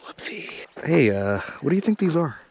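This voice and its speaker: A man's voice: fairly high pitch, very animated, moderate pace, a little mellow, highs cut off, slight background noise. A man chatting upbeat to a handheld camera as he narrates a hike on an outdoor trail. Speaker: vlogger and hiking guide. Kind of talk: casual trail vlog narration.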